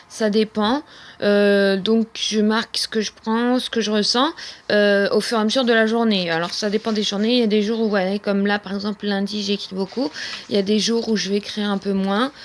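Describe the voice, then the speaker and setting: A young woman showing her planner in a casual vlog, talking with many hesitations and fillers. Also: medium pitch. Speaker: vlogger.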